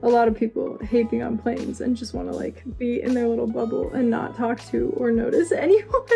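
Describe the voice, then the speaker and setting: Young female vlogger, chatty and giggly, higher voice, talks while eating, light music underneath. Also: a little fast, gravelly, dark tone. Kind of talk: casual chat reacting to old video.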